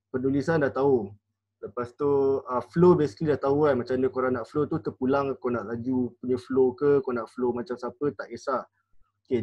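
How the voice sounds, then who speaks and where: A man's voice: mid-range voice, a little mellow, breathy edge, no echo, highs cut off. A man, a rapper, chatting casually on a live stream and explaining battle rap, acting out lines in different tones. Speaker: rapper giving battle tips.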